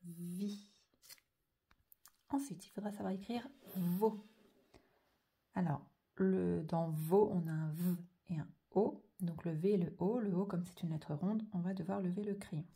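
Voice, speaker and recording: A woman teaching a slow handwriting dictation lesson, carefully drawing out each sound and letter. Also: lowish voice, mellow. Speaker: primary school teacher.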